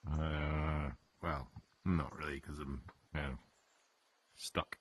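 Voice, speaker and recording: Low, husky man thinking aloud. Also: flat delivery, slow pace, dry recording. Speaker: software developer on a work call. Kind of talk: casual technical chat.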